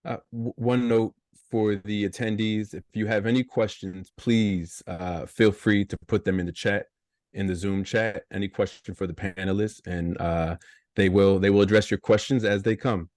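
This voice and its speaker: Low-voiced man moderating a panel, hesitant. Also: steady tone, normal speed, a little mellow, no echo, studio quality. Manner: hesitant, many restarts and "uh".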